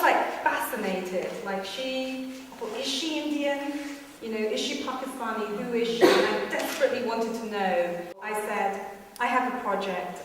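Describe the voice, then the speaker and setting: A woman's voice: mid-range voice, a little hiss or hum. A woman telling a personal story to an audience, chatty, with many ums and laughing asides. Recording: echoey hall from far off.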